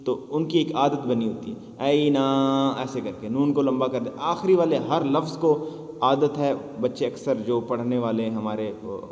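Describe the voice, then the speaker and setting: A man's voice: mid-range voice, mellow. Guy teaching how to read quran, patient explaining, chants the long vowels, roomy echo with a long tail. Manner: explains patiently, chants drawn-out syllables as examples. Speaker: Quran teacher training instructor. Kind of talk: teaching lesson, demonstrating recitation. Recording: echoey room with long reverb.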